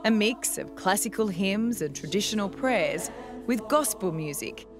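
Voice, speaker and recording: An Australian woman reads scripted narration as the reporter for a television news feature, her middling pitch carrying lively intonation at a measured pace. Music runs clearly behind her voice.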